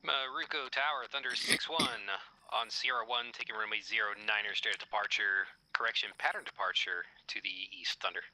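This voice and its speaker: A man's voice: lowish voice, fairly even intonation, fairly quick, sharp tone. Man making clipped pilot radio calls, noisy. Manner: procedural, clipped phrasing. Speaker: helicopter pilot player. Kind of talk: military aviation radio calls in a simulation game. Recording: clearly noisy vehicle background.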